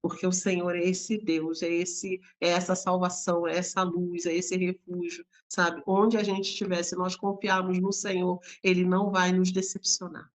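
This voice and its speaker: A woman host with a low voice offers devotional encouragement to the women listening. Her delivery is earnest and prayerful, and her pitch stays steady and flat. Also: moderate pace, hardly any pauses.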